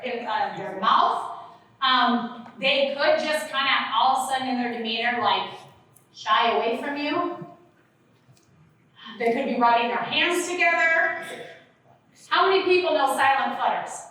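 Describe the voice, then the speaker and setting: Bright-voiced woman presenting in a hall. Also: fairly high pitch. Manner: animated, acts out quoted voices, asks the room. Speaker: workshop presenter. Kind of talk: conference talk with audience questions. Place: conference hall. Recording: echoey hall from far off.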